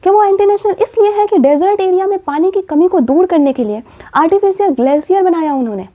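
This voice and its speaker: Woman vlogger, high mellow voice, impassioned talk and rhetorical questions. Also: lively intonation, quick pace. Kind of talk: earnest commentary vlog.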